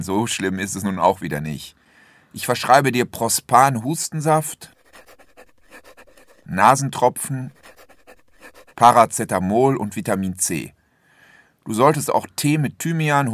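A man playing a friendly, soothing and slightly jocular family doctor in a scripted language-learning dialogue, speaking clearly to a patient. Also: lowish voice, animated, measured pace, pauses often, a bit bright, dry recording. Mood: reassuring.

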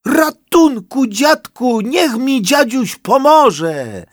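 A man's voice: very high voice, sing-song, drawn-out words, dry recording, clean studio sound, voice pushed up, heavily acted. A man voicing a frightened, whimpering wild boar in a children's storybook. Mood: pleading. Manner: whimpering, pleading.

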